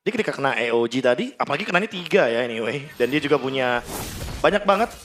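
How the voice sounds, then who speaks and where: A man's voice: mid-range voice, expressive, fast talker, noisy background. An Indonesian man giving conversational, explanatory commentary as an analyst on an esports match. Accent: Indonesian, colloquial. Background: music.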